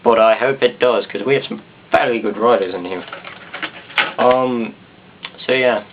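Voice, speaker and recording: A man's voice: medium pitch, unhurried, background noise. A man with a Southern US accent rambling casually to the camera in an off-the-cuff, self-deprecating vlog. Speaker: video blogger. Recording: dull, muffled consumer camera sound.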